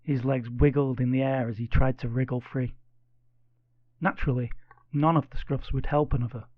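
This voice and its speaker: A man narrating a children's audiobook with expressive, playful storytelling. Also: medium pitch, moderate pace, no room sound, highs cut off.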